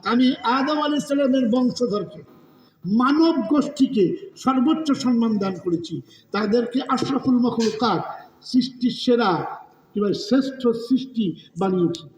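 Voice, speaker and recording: A man preaching a storytelling sermon, animated and often shouting, calling out questions to his audience. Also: very high voice, normal speed. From India. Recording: echoey hall, distant, dull sound.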